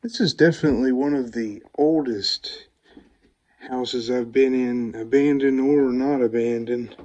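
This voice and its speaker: A young man narrating a casual exploring vlog walk-through in an unhurried, musing, plain-spoken way. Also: medium pitch, steady tone, darkish tone, dull audio. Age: 20s or younger.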